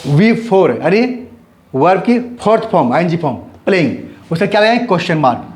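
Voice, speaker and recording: High-voiced man teaching English grammar. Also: very animated, a little fast, a little mellow. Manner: repeats questions to the class, checks with "clear?"; switches between Hindi and English example sentences. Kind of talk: Hindi-language grammar lesson.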